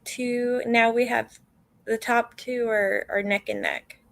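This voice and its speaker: A woman's voice: a little high, fairly even intonation, slow pace, vocal fry, fairly bright tone, no room sound. A woman co-hosting a livestream in a casual, teasing way, joking with her partner and the viewers. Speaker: livestream co-host.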